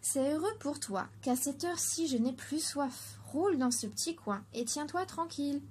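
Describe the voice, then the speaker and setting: Bossy female flower, curt and commanding, high voice, children's storybook, as a woman reads her. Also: lively intonation, normal speed, a little mellow, slight background noise.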